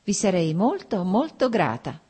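A woman's voice: medium pitch, sing-song, measured pace, warm tone, slightly rough, pitched above the performer's own voice. A woman reading an audiobook, voicing a defiant, impassioned young noblewoman who pleads and protests heatedly. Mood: lively.

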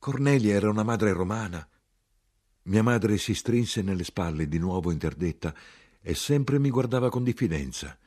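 A man narrating a novel as an audiobook, his deep voice husky and grainy. He reads expressively and measuredly, with a lively rise and fall in his pitch. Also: normal speed. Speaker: reader.

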